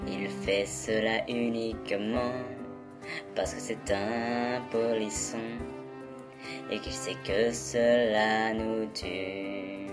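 A woman singing a lullaby as a harsh, hoarse duchess in an audiobook of a fairy tale. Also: extremely low pitch, steady tone, very slow, voice pushed down, exaggerated voice. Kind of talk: sung storybook reading. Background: lullaby instrumental music.

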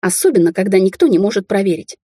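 A woman voicing a proud, touchy young rich woman in an audiobook, her voice pushed higher and sharper. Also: animated, fast, mellow, husky, no echo, studio quality. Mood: sarcastic.

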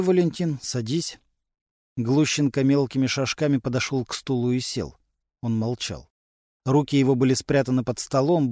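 A man narrating a crime novel as an audiobook, in an even, unhurried storytelling manner. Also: medium pitch, dry recording, clean studio sound. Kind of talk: scripted narration.

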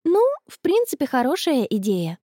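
Storybook teen girl, eager and anxious, read by a woman; high, lively delivery. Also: normal speed, breathy edge, no room sound, clean studio sound, exaggerated voice. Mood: worried, eager. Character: excitable worried schoolgirl, teenage.

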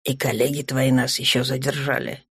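A woman voicing a tender, possessive dark lord, an adult man, speaking in a low, soft murmur in an audiobook. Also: level tone, moderate pace, gravelly, breathy edge, dry recording, clean studio sound, exaggerated voice. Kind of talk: audiobook character voice.

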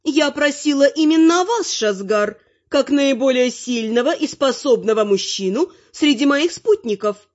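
A bossy old granny with a quick, cheeky tongue, as a woman narrator puts her on, pitched up high and lively. She snaps and scolds in short bursts. The storybook reading sounds muffled and lo-fi. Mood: commanding. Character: spry sharp-tongued bossy old grandmother. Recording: muffled lo-fi recording.

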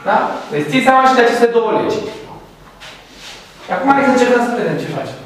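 A man with a high, very animated voice teaches a classroom lecture, walking through each point and constantly checking in with his students. He is heard from a distance in a heavily echoing room, with a faint hiss under the recording. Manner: explains step by step, quizzes students, tags points with "right?". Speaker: university lecturer in classical philology. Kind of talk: classroom lecture on Latin and Greek verse meter.

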